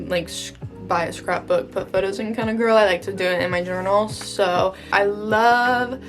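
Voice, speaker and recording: A young American woman chatting casually in a vlog with a gushing valley girl manner, peppering her talk with filler words. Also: mid-range voice. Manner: valley girl delivery, frequent "like" and "totally cute", gushing. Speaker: vlogger. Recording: music behind the voice. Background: background music.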